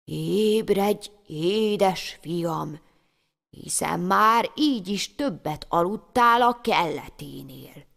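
A woman voicing a kindly, wise old woman in a storybook tale, speaking slowly in a hushed, half-whispered way. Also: fairly low pitch, expressive, vocal fry, heavily acted. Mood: gentle, knowing. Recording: long hall reverb.

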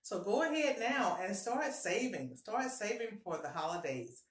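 Cheerful budgeting advice comes from a middle-aged woman who vlogs about personal finance, using a mid-range voice, lively intonation and a measured pace. She often restates her key points. The casual video is recorded in a small home bathroom by a fixed camera at close range, with an echoey sound.

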